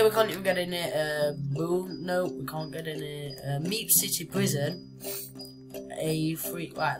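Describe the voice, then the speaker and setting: A woman giving casual gameplay commentary as a YouTuber, chatty and reading on-screen game text aloud with lots of "uh"s. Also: on the low side. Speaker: gaming YouTuber. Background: background music.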